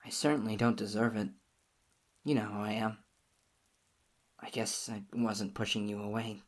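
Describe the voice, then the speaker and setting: This audio roleplay features a woman as a clingy, obsessive young lover, her husky, whispery voice soft and pleading toward the listener. The voice is very deep with little pitch movement at normal speed, and the mood is quietly sinister.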